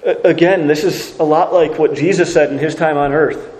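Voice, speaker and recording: A man's voice: fairly high pitch, fairly even intonation, normal speed, darkish tone, echoey room, poor audio. A man preaching a sermon, reading scripture and asking earnest rhetorical questions.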